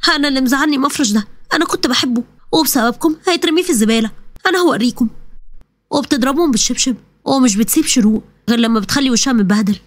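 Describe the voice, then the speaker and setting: Egyptian woman narrator, very fast, slightly high voice, sassy first-person storytelling. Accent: Egyptian Arabic.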